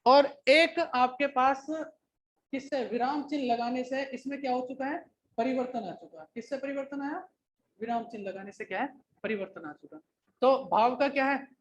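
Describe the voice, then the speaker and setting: A man teaching a classroom grammar lecture, dictating slowly, repeating phrases and checking in with the students again and again. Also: very high-pitched, dull audio, a little hiss or hum. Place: coaching classroom.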